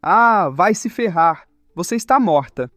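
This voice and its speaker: A cocky, hot-tempered young man full of swagger and complaint, as a man narrator puts him on. The voice runs high and dry, with faint music behind. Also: lively intonation, measured pace, a bit bright, no echo.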